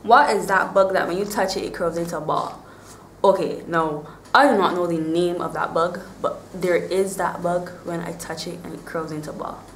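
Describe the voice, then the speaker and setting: A woman's voice: lowish voice, steady tone, normal speed. Young woman, Barbadian accent, informal talk to camera, echoey indoor room, faint background noise. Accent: Bajan (Barbadian). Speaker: vlogger. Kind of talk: casual chat to camera, accent tag. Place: small bare-walled room indoors.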